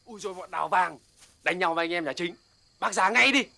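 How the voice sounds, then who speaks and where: A man's voice: high-pitched, fairly quick, creaky, sharp tone, exaggerated voice. An actor playing an anxious male villager urgently pushing an official to act. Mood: alarmed. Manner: urgent, insistent. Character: anxious male villager raising alarm, pushy. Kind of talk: TV drama acting.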